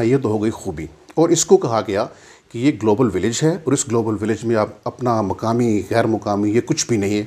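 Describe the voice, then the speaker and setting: Middle-aged male commentator from Pakistan, husky tone, emphatic opinion piece. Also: lowish voice, a little mellow. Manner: argumentative, rhetorical questions, emphatic. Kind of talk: opinion monologue.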